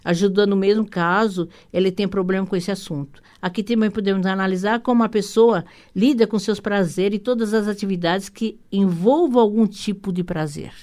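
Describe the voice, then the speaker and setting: A woman's voice: medium pitch, steady tone. A Brazilian woman hosting a radio talk show, explaining astrology in a rambling way, with many restarts and tag questions. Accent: Brazilian Portuguese. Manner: rambling, warm asides with frequent "né?" tags; hurried, many restarts and repeated words. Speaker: radio show host and holistic psychotherapist.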